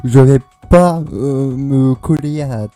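A man co-hosts a live radio show in a very dark, mellow mid-range voice. He hesitates often, stretching fillers as he introduces the music. Faint music sits in the background. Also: mid-range voice, takes it slowly. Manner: hesitant, many fillers, giggly. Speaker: radio co-host. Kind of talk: casual live radio chat.

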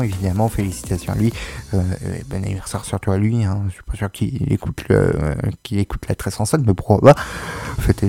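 A man's voice: fairly low pitch, creaky, dark tone. A young man hosting a casual radio show, reading music news with many fillers and joking asides.

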